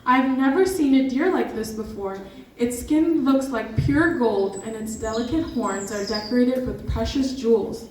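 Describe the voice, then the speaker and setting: A woman's voice: fairly high pitch, unhurried, darkish tone, a little hiss or hum, natural voice. A woman voicing a stern, loyal young male warrior who speaks firmly and warns. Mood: suspicious. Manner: firm, warning. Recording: echoey hall from far off, music behind.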